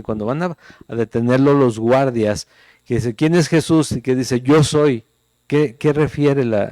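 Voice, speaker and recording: A man's voice: medium pitch, mellow, dry recording. A middle-aged man preaching a sermon as pastor, reading scripture aloud and checking in with listeners in a conversational way.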